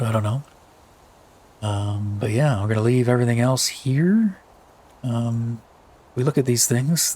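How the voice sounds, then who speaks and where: A man's voice: mid-range voice, a little mellow, breathy edge. A man with a tired voice giving casual, rambling let's play commentary, thinking aloud with many fillers.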